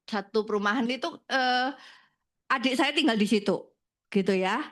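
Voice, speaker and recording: A woman guest who works as a financial planner, telling animated anecdotes in casual conversation and laughing often. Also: on the high side, normal speed. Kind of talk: conversational storytelling.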